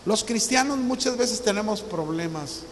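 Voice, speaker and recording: A pastor around sixty preaches with a notably high voice, telling his story in an earnest, personal way. His words ring out with a long reverb, and a faint hiss sits underneath. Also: expressive, moderate pace. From Mexico. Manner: earnest storytelling, acts out remembered dialogue. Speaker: visiting pastor. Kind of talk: sermon. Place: church hall.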